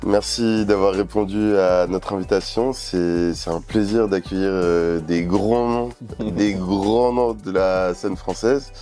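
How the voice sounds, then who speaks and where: A man's voice: low-pitched, steady tone, slow, few pauses, mellow, faint music behind. A man hosting an interview, asking questions and giving frequent short agreements. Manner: affirming, frequent backchannel "ouais". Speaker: interview host.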